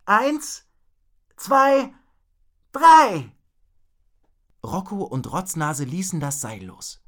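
A man narrating a children's story from a script in a slow storytelling way. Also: fairly high pitch. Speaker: audiobook narrator.

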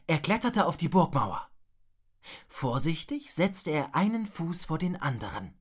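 Female storyteller for children, slow and expressive, lower voice. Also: slightly rough. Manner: slow, expressive reading with many character voices.

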